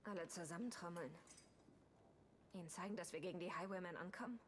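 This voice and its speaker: A woman's voice: lowish voice, a little fast, slight background noise, close to an everyday voice. An actress voicing an earnest woman survivor in a post-apocalyptic video game. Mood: determined. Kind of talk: dramatic game voice acting.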